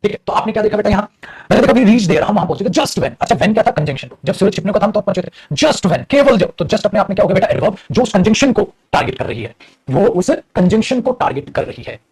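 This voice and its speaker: A man's voice: high-pitched, big pitch swings, quick pace, a little mellow, husky. A man teaching English grammar in an online live class. He calls his students 'beta' fondly, mixes Hindi and English, and makes teasing asides.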